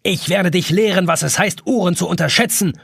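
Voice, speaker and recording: A man's voice: on the high side, lively intonation, a little fast, breathy edge, no echo, studio quality. Audiobook villain: menacing giant pocket watch, vengeful and barking, voiced by a man. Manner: threatening, barking proclamations.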